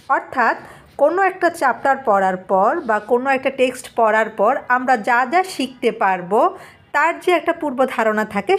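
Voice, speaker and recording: Woman teaching with patient explaining. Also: on the high side. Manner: patient step-by-step explaining with frequent "aah" fillers and check-ins. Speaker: English teacher. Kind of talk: classroom lesson explaining a textbook.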